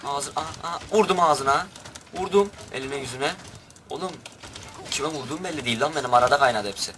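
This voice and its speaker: A man's voice: a little high, fast talker, a bit bright, a little hiss or hum. A young man giving rowdy, crude commentary over his own gameplay and barking orders at his troops. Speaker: gaming youtuber.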